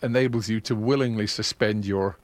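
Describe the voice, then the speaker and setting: A man's voice: fairly low pitch, steady tone, fairly quick, no echo. A man hosting a casual radio chat, talking in a chatty, digressive way and laughing at his own asides. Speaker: radio host.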